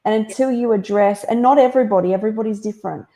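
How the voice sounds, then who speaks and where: A woman's voice: medium pitch, racing, dark tone. A woman hosting an interview, affirming her guest and asking open questions. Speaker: host. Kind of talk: casual interview chat.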